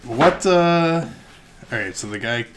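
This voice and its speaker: A man's voice: medium pitch, animated, slow, noisy background. A man casually improvising a silly story with a friend, rambling with lots of fillers and laughs.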